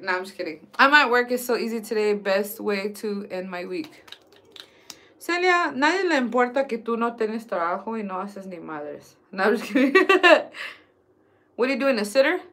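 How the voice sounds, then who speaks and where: A woman's voice: on the high side, sharp tone. Joking Spanglish woman. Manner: joking, switches between Spanish and English. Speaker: vlogger. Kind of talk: casual chat.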